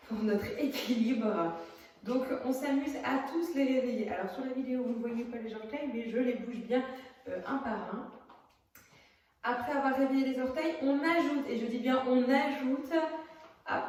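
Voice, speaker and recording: A woman's voice: on the high side, darkish tone. Chatty woman teacher in an echoey room. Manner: chatty, many hesitations, demonstrates while talking. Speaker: theatre workshop teacher. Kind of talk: casual video lesson. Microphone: phone camera at a distance. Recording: very echoey, voice from far off the phone.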